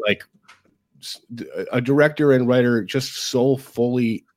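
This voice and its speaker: A man who sounds slightly hoarse and sick with a cough, giving halting, emphatic, sweary film reviews in casual chat. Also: medium pitch, darkish tone, no room sound. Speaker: podcast co-host.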